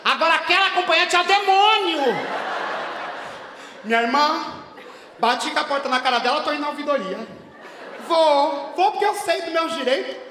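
Man doing a high-voiced indignant gossipy woman, loud and dramatic, stand-up comedy character, echoey distant stage sound. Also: expressive, normal speed, pauses often, a little hiss or hum, exaggerated voice. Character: brash indignant woman caring for her hospitalized father. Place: theater stage at a live show. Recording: echoey hall, from far off.

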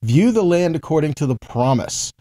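Explaining step by step in a conversational Bible teaching, this American man in his forties often checks in with quick tags such as "okay" and "right." His voice is fairly high, mellow and sing-song, at a moderate pace.

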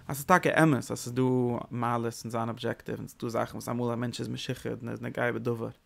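A man giving a Torah lecture, speaking with animated, emphatic bursts and mixing in English words. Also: medium pitch, brisk, gravelly. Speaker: Torah teacher. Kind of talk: religious lecture.

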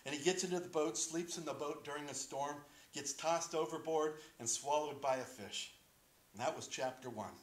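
A middle-aged man preaching a sermon from a church podium, relaxed and joking, with frequent "uh" fillers. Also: on the high side, moderate pace. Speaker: pastor. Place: small wood-paneled church sanctuary, indoors. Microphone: podium microphone. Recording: roomy church echo.

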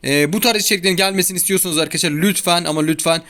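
A man's voice: sits high, rapid-fire, fairly bright tone. A young man hosting his gaming channel, talking casually over his gameplay, often exasperated and complaining in slangy chatter, recorded at home. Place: home room near an open window. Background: a child heard outside.

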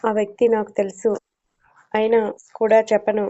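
A woman's voice: medium pitch, completely flat delivery, moderate pace, mellow, highs cut off, close to an everyday voice. A woman voicing a cocky male gang henchman. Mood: defiant.

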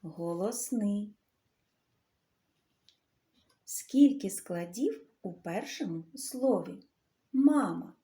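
A woman teaching a literacy lesson to young children. She talks slowly and clearly and draws out the sounds. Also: mid-range voice, animated, dark tone. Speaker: primary school teacher.

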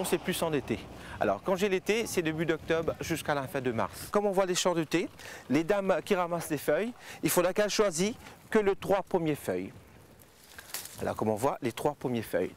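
A man guiding visitors through tea fields and a factory, explaining in halting sentences full of fillers. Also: on the high side, expressive, slight background noise. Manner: halting, with frequent fillers and restarts. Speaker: tea estate guide. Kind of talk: explanatory interview answers.

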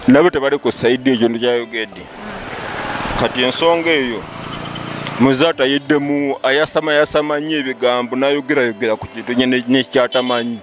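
A man's voice: mid-range voice, fairly even intonation, fairly quick, noisy background. A man answering a street interviewer outdoors, talkative and emphatic, dropping in English phrases. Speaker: passer-by interviewee. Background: music.

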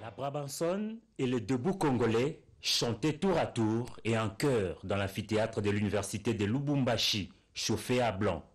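A man reading a scripted news report in a steady, formal way. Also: mid-range voice, moderate pace, few pauses.

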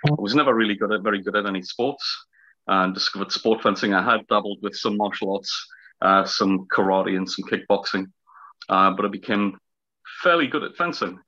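A man's voice: fairly low pitch, moderate pace, pushed and bright. A man of about fifty with a heavy Northumberland accent and long vowels, explaining things in an interview in a hesitant, word-searching way. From Northumberland, north-east England. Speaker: interview guest, historical fencing teacher. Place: small room at home, indoors. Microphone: video call, webcam distance. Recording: slightly dull video-call audio.

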